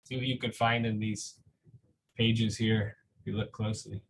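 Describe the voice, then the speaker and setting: With a level, lowish voice, vocal fry and a moderate pace, a man reads a picture book to school families and chats about it, encouraging them and often adding "right?" The recording is rough, with clear background noise.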